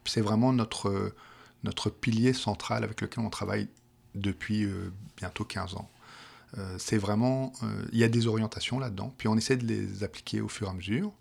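Explaining his job in an interview, a project manager for a provincial health plan, a middle-aged man from France with a Parisian accent, hesitates and restarts frequently. His voice is lowish, creaky, and husky, with fairly even intonation at a normal speed.

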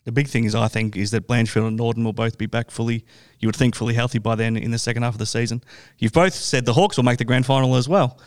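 A man's voice: medium pitch, steady tone, fast, few pauses, clean tone. A man hosting a basketball talk show in a casual, upbeat chat. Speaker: basketball podcast host.

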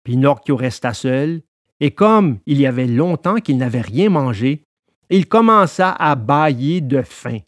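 A man narrating a storybook in an expressive, lively way. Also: mid-range voice, measured pace, no echo, clean studio sound.

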